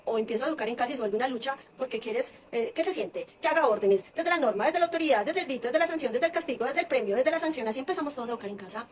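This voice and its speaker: Brisk, high-voiced woman educator. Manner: lively and emphatic, piling up short lists. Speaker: early-childhood parenting educator. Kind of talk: casual teaching talk to parents.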